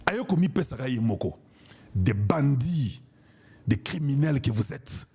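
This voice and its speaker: Man, husky, wide swooping pitch, emphatic ranting commentary. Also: lively intonation, a little slow, dark tone. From Congo (DRC). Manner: emphatic, declamatory, repeats for emphasis. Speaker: online political commentator. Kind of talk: impassioned political monologue.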